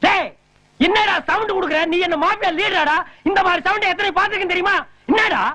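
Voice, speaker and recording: Brief: high-pitched, fast-talking mocking uncle who scolds everyone. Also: male voice, bright, forceful tone. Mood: blustering. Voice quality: sarcastic, scolding retorts. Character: sharp-tongued mocking village uncle. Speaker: comic uncle in a film. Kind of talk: film comedy dialogue. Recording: film soundtrack audio.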